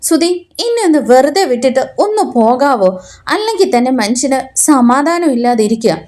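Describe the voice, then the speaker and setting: A woman's voice: high voice, animated, a little fast, darkish tone. A woman voicing a frightened, begging young woman. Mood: irritated. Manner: pleading, tearful.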